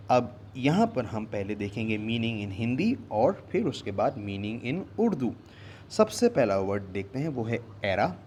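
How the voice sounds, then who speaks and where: Male English teacher, slow deliberate delivery, lively pitch, faint background hum. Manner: slow, deliberate explanation with repeated pronunciations. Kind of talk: bilingual language lesson.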